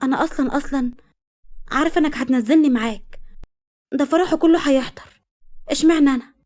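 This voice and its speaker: A woman with an Egyptian accent voicing a defiant, desperate young wife in a read-aloud story, loud and pleading. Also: high-pitched, quick pace, voice pushed up, lightly acted. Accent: Egyptian Arabic. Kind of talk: storybook reading.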